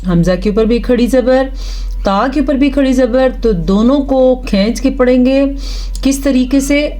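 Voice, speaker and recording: A woman teaching Quran recitation step by step, explaining patiently and drawing out each recited word slowly. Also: high voice, mellow. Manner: slow, patient explaining with drawn-out recited words.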